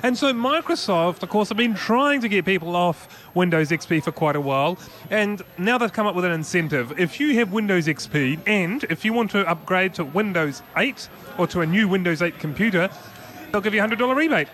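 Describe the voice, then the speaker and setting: A man's voice: high voice, animated, fairly quick, a bit bright. A man co-hosting a tech news podcast, chatting casually and rambling with restarts and laughs. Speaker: podcast co-host.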